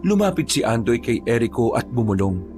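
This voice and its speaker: A male storyteller narrating a horror tale in a steady, measured way. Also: medium pitch, faint music behind.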